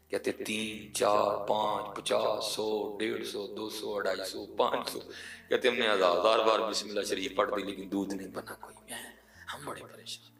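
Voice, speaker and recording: Male preacher, emotional sermon, gravelly low voice, echoey room, heard from a distance. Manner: animated storyteller, repeats phrases for emphasis, swings from quiet to loud.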